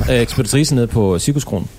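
A man from Aarhus, a podcast guest in a noisy café, answering in evasive, deadpan comic banter with lots of hesitation. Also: on the high side, gravelly, husky. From Aarhus, Denmark. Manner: evasive, defensive, hesitant with many fillers.

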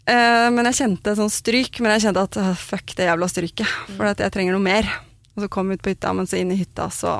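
A woman speaks in a relaxed conversational chat, frank and blunt as she tells her own story, with mild swearing. Her voice sits at an ordinary middle pitch and sounds close and dry, with no room echo. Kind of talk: casual chat.

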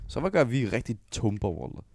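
A man co-hosting a podcast who asks his friends questions and tells a story at a measured pace. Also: medium pitch, sing-song, creaky, a little mellow, no room sound. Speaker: podcast co-host. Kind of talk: casual chat.

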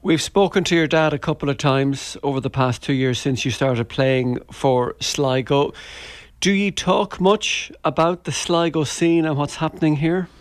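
A man's voice: on the high side, measured pace, no room sound. A man with an Irish accent asking questions in a conversational sports interview.

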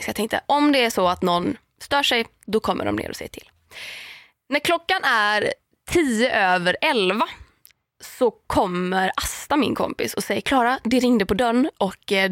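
A young woman casually telling a story on a podcast, lively, with many fillers and acted-out quotes. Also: medium pitch, no echo, studio quality.

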